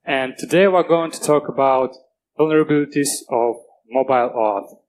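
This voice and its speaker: On a conference stage, a Russian-accented man gives a technical security talk in an earnest, plain-spoken way with halting restarts. His mid-range voice is darkish, and the recording is rough.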